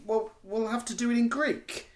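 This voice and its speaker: A woman's voice: fairly high pitch, moderate pace, a little mellow, natural voice. A woman voicing a cheeky, clueless man who is an amateur actor, offhand in a radio comedy.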